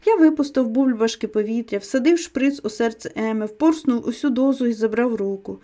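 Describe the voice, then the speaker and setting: A woman reads an audiobook aloud with a fairly high, mellow voice. Her delivery is tense and dramatic, pushing hard on urgent commands. The telling stays steady and scripted. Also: fairly quick. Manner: tense dramatic reading of a first-person male story. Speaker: audiobook narrator.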